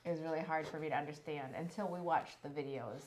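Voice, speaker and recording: A woman's voice: sits low, fairly even intonation, quick pace, slight background noise. A woman co-hosting a casual chat, hesitant and searching for words, often repeating herself. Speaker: co-host.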